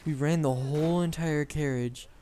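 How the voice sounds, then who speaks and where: A man's voice: a little high, steady tone, moderate pace, warm tone, clean tone. A young man casually telling a story on a chat show, rambling with lots of fillers and self-corrections.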